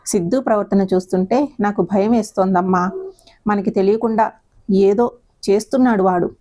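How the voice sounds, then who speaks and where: Woman doing elderly grandmother, worried, sad, mellow tone, audio story. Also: mid-range voice, fairly even intonation, moderate pace, lightly acted. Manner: sad, fearful.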